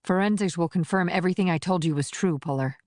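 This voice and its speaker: A woman's voice: fairly low pitch, fast, darkish tone, dry recording, studio quality, close to an everyday voice. A woman voicing a tough, blunt female federal agent in an audiobook, with clipped, defensive delivery. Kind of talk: audiobook character reading.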